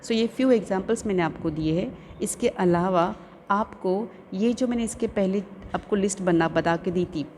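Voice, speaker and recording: A woman's voice: medium pitch, measured pace, a little mellow, slight background noise. A woman teacher with an Urdu-speaking Indian accent, explaining an English lesson and carefully sounding out English words, repeating each one.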